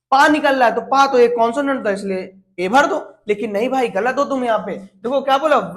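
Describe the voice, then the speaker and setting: A woman teaching English grammar in Hindi, explaining each step and asking questions that she answers herself, reading example sentences slowly word by word. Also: high-pitched. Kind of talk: Hindi-language grammar lesson.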